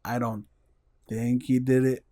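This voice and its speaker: A man with an average-pitched voice talks in a laid-back way on a casual podcast, often trailing off mid-thought. The sound is dry and close to the mic. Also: little pitch movement, unhurried, mellow, no echo. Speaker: podcast co-host. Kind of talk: casual chat.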